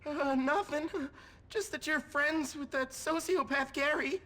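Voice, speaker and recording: An actor playing a timid, needy, whiny teenage nerd in a video game, nervous and pleading. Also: male voice, very high-pitched, a little slow, sharp tone, full character voice.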